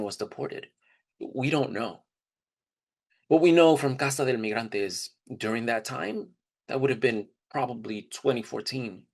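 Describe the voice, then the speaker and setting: A man with a slightly rough, mid-range voice performs a dramatized first-person narrative. He tells it like an informal, reflective conversation, acting out the quoted dialogue.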